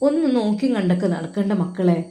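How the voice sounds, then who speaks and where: Elderly mother voiced by a woman, tender, fussing, soft-spoken, storytelling. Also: fairly high pitch, brisk, roomy sound, close to an everyday voice. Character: old woman, loving doting mother.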